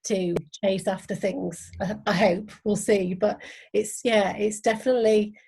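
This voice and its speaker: A woman in her late forties hosts a relaxed interview in a slightly husky voice. She talks openly and encouragingly, sharing her own thoughts. Her pitch sits in a middle range. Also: unhurried. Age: 40s. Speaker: podcast host. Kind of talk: casual interview chat.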